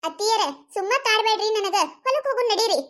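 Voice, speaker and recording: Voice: very high voice, fast, a bit bright. Someone voicing a stubborn deaf village daughter-in-law. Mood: exasperated. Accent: North Karnataka Kannada. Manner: complaining, exasperated.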